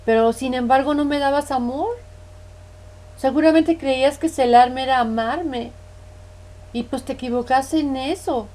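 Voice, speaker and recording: Woman playing a hurt middle-aged daughter confronting her parents; pleading, reproachful, voice sits a bit high. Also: a little slow, darkish tone. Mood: bitter. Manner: pleading, reproachful, repeats "mamá".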